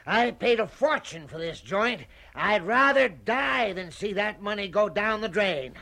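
A man's voice: sits high, expressive, unhurried, gravelly, sharp tone, heavily acted. An actor playing a brash middle-aged American businessman who talks in a blunt, wisecracking, dismissive way. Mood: defiant.

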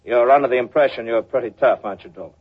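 A man's voice: mid-range voice, racing, breathy edge, lightly acted. An actor playing a pompous, irritable, coldly threatening male lawyer in 1940s radio drama style. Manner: pompous, curt. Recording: thin, phone-like old radio recording.

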